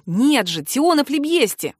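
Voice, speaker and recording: A nervous young court clerk, put on by a woman reader, blurts out bad news in a breathless, pleading rush. The voice sits fairly high and is recorded close and dry. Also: big pitch swings, unhurried, no echo. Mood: alarmed. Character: jittery young male court assistant, panicky.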